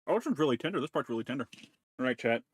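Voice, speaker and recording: A man's voice: mid-range voice, animated, racing, breathy edge, dry recording. A man streaming from home, chatting casually and crudely with his chat while eating and chewing into a desk mic. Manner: crude, joking, talks while chewing food. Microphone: desk mic with noise removal.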